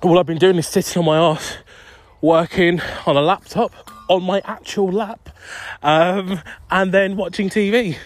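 A man's voice: sits high, fairly even intonation, unhurried. Rambling young man walking outdoors. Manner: rambling, self-deprecating, easily distracted. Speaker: podcast host. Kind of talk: casual solo podcast monologue while walking. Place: outdoors on a street.

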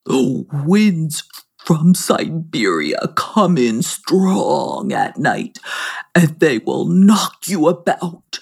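A woman voicing a calm, advising male creature companion in a storybook. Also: sits low, drawn-out words, vocal fry, slightly rough, heavily acted. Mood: earnest.

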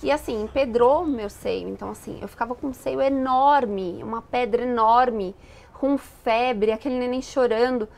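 A woman in casual conversation, speaking haltingly with many restarts and hesitations. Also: on the high side, vocal fry, darkish tone. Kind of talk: casual chat.

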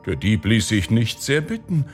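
A man reading an old folk tale aloud in an expressive storytelling manner. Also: lowish voice, faint music behind. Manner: slow, expressive, lively intonation. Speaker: narrator.

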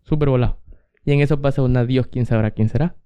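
A man's voice: medium pitch, quick pace, clear, resonant tone, lo-fi sound. A young man co-hosting a podcast, telling a rambling story in casual chat, laughing often and acting out what others said. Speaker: podcast co-host.

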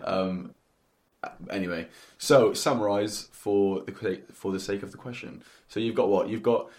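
Low-voiced man in jokey chat. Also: fairly even intonation, measured pace, a little mellow. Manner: jokey, swears casually, talks over the other. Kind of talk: casual chat.

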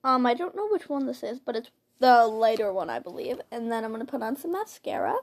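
A woman with a high voice hosts an informal tutorial, talking through each step in a chatty way as she works. She is recorded on a simple built-in laptop-style mic instead of a proper studio microphone. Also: very animated, brisk. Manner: chatty, informal, step-by-step narration while doing makeup. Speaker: host of a makeup tutorial show. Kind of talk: casual spoken makeup tutorial. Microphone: built-in device mic rather than usual microphone.

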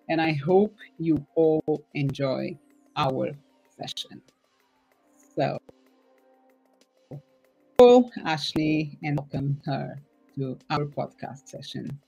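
A woman from Portugal hosts a relaxed podcast interview, taking her time with an unhurried, lowish voice. She is effusive and chatty. Soft music sits faintly beneath her. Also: creaky, husky, rough recording. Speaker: podcast host. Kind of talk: casual interview.

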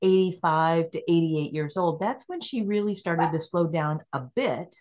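Her voice lowish and a little mellow, this middle-aged podcast guest talks at a moderate pace. She muses thoughtfully, laughs readily, and thinks out loud through the questions she asks herself during the interview.

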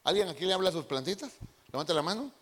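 Pastor que predica animado e interpela al público, sala de iglesia reverberante. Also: male voice, sits high, lively intonation, fast, fairly bright tone. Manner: playful, addresses the congregation directly. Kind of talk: lively sermon with acted-out impressions. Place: church hall.

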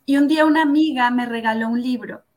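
A yoga instructor shares her personal story in an interview, earnest and reflective, often ending phrases with "¿no?" and slowing down for emphasis. Her voice sits high and sounds a little mellow.

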